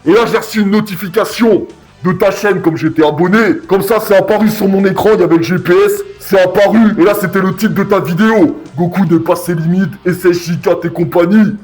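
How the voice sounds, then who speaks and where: High-voiced man in a blunt, slangy rant. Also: brisk, darkish tone, faint music behind. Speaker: YouTube anime reviewer. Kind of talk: casual review commentary rant.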